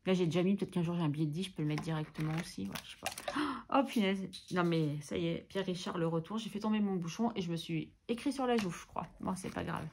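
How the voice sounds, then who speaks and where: A French woman vlogs about her budget in a casual, chatty voice-over while doing crafts, teasing herself as she works. She's a bit ill and coughing, speaking quickly in a lowish voice over background noise.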